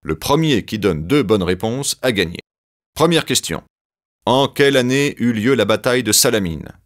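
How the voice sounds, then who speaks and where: A man's voice: mid-range voice, animated, moderate pace, pitched above the performer's own voice, natural voice. A man voicing a boastful, cheating king of the gods in a children's audiobook, gloating and ironic.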